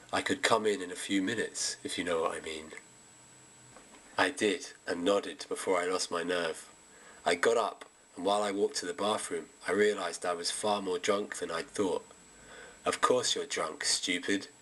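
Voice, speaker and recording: A man reading a first-person story aloud in a steady storytelling manner. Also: low voice, low-quality recording. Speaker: reader. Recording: amateur home reading.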